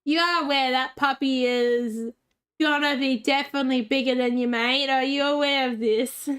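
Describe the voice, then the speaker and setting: A woman talks her way through a game in a loose, chatty way. Her voice sits fairly high, and she often speaks fondly to the pets on screen. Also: fairly even intonation, moderate pace, a bit bright, smooth. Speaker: gaming channel host. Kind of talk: casual gameplay commentary.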